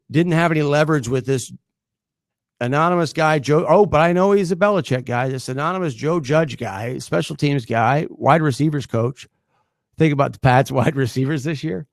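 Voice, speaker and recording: A middle-aged man hosting a sports talk show, delivering a sarcastic, animated monologue and chuckling as he goes. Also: medium pitch, creaky, no echo, studio quality. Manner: sarcastic, animated, laughs while talking.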